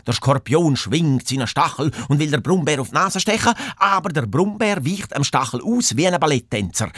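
A man reading a children's story with lively, animated storytelling. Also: fairly high pitch, no room sound, studio quality.

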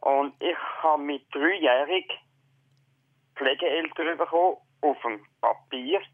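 A man calling in over the phone, telling his story in a halting, plain way. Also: a little high, slight background noise. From Switzerland. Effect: heard over the phone. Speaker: caller. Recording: tinny phone line.

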